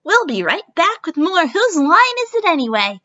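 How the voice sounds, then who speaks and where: A woman's voice: extremely high pitch, very animated, moderate pace, bright, forceful tone, dull audio, pitched above the performer's own voice, heavily acted. A woman voicing a playful, teasing cartoon girl who hosts a game show, with hammy, stagy delivery, in a dramatic reading. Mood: showy, upbeat.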